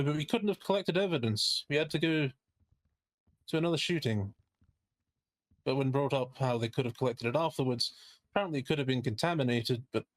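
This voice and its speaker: A man's voice: medium pitch, dry recording, lightly acted. A man playing a skeptical, indignant defense lawyer in a role-play game, giving a courtroom closing argument with pointed, sardonic rhetorical questions.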